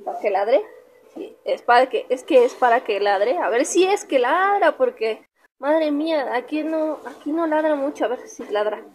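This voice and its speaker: A woman's voice: high-pitched, expressive, moderate pace, darkish tone, slight background noise. A young woman with a Mexican Spanish accent, casually chatting in a pet vlog and cooing at her dog. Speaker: vlogger.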